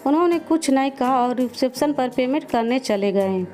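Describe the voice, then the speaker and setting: High-voiced woman narrating a story. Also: lively intonation, normal speed, mellow, soft background music.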